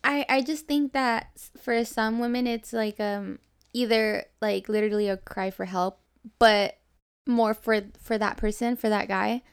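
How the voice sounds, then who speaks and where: A woman with a fairly high, gravelly voice talks things through in a relaxed podcast chat. She hesitates and stacks up fillers as she thinks aloud. She giggles often along the way. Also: unhurried. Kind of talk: casual chat.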